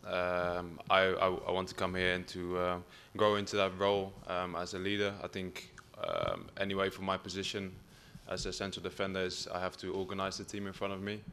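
A man in his twenties giving measured, hesitant answers as a footballer at a press conference, on a table microphone. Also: low-pitched, vocal fry, sharp tone. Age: 20s. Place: press room, indoors. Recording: faint room noise.

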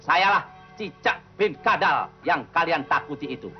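An actor playing a boastful, menacing cowboy outlaw boss in a grandiose, declamatory way, in a 1970s comedy Western film. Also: male voice, a little high, lively intonation, normal speed, natural voice. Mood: boastful, commanding. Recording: dull old film soundtrack with music.

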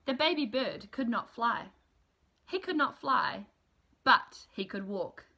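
A woman in her thirties reading a children's storybook aloud in an expressive, deliberate, emphatic way. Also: on the high side, gravelly. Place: small room at home, indoors.

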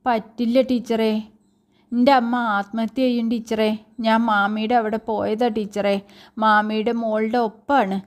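A woman's voice: on the high side, level tone, a little slow, close to an everyday voice. A woman reading a story aloud, voicing a frightened teenage schoolgirl who pleads and breaks off mid-sentence through her tears.

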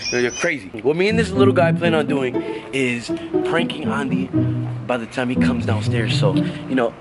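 Young man, prank vlog host, casual rambling talk, lots of fillers, backyard pool, loud background music. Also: mid-range voice, normal speed. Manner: rambling, repeats himself with many fillers. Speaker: prank vlogger. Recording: loud music playing over the voice.

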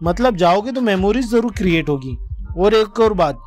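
A man's voice: high-pitched, expressive, a little mellow, soft background music. Chatty young man vlogging a cafe. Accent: Indori Hindi. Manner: chatty, enthusiastic, listing items quickly. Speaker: food vlogger. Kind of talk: casual vlog voice-over.

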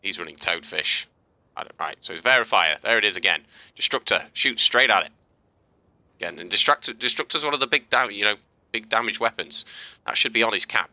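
A gaming video host with a low, hard, forceful voice talks through gameplay clips a little fast, relaxed and chatty, explaining as he goes with lots of fillers and restarts. It's casual commentary and tutorial, recorded dry and close with no echo or room sound.

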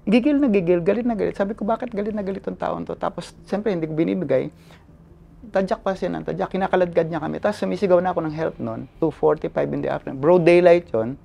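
A male photojournalist giving an animated personal account in an interview, switching between languages and often adding "no?" tags. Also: sits high, quick pace, gravelly. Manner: animated retelling, code-switching, frequent "no?" tags.

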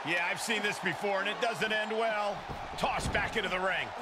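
A man playing an excitable wrestling play-by-play announcer, making emphatic, short calls over arena noise. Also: sits high, normal speed, lightly acted. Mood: excited. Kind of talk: sports commentary. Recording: loud arena noise behind.

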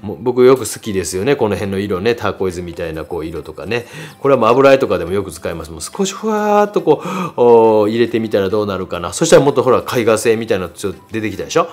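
A man's voice: on the low side, big pitch swings, fast, few pauses, darkish tone. A man critiquing viewers' paintings in a casual, chatty way, full of fillers and asides.

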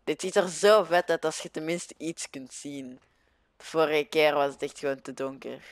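A man's voice: on the high side, steady tone, moderate pace, dry recording. A young man with a Flemish accent giving casual, hesitant commentary over a video game, often searching for his words. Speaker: gaming video host.

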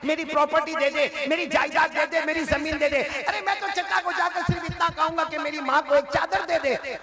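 A man's voice: very high voice, brisk, pitched above the performer's own voice. A preacher doing an earnest orphan boy. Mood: earnest pleading. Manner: earnest, insistent pleading. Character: eight-year-old orphan boy, earnest and pleading. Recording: live gathering with crowd noise.

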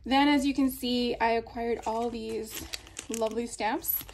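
Chatty higher-voiced woman showing craft haul. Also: fairly even intonation, measured pace, a little mellow, slight background noise. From Florida. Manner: chatty, laughs often, many fillers. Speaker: craft vlogger. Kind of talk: casual haul show-and-tell. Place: indoors at a table.

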